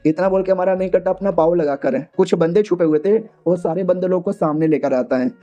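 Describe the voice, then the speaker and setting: A man's voice: sits high, fairly quick, warm tone, lo-fi sound. A man casually retelling a manga story, voicing every character himself in short quoted bits. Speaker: manga recap narrator. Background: faint background music.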